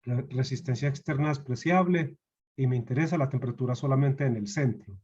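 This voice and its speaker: Husky Colombian lecturer on a call. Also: male voice, medium pitch, fairly quick, darkish tone, highs cut off. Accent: Colombian Spanish. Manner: explains patiently, repeats key points, asks students questions. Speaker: university lecturer. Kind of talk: online class lecture.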